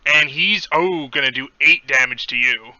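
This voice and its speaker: A man acts as game master, narrating a fantasy adventure in a very bright, punchy voice. His delivery is casual and playful, with crisp clarity despite a slightly dull, lo-fi recording. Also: fairly high pitch, moderate pace.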